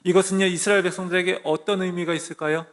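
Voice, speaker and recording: A man preaches a sermon from the pulpit, his voice sitting a little high for a man. He keeps asking the congregation questions and then answering them himself. The sound carries a long reverb from the church hall. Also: flat delivery, very fast. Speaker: pastor. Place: church sanctuary.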